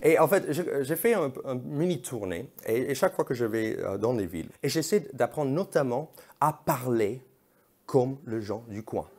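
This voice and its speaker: A man's voice: medium pitch, expressive, moderate pace, darkish tone, slight background noise. A man performing stand-up on a theatre stage, quizzing the audience in a playful, mock-bewildered way while they laugh. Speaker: stand-up comedian. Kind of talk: stand-up crowd work.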